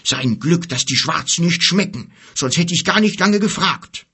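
A man's voice: on the high side, lively intonation, normal speed, pushed and bright, breathy edge, voice pushed up, full character voice. A man voicing a rude male bear who grumbles and insults with indignation. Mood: grumbling, rude.

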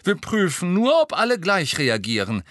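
A man voicing a cheeky, mischievous teenage boy prankster who talks loudly and brashly. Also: high-pitched, huge pitch swings, normal speed, no echo, studio quality, pitched above the performer's own voice, exaggerated voice.

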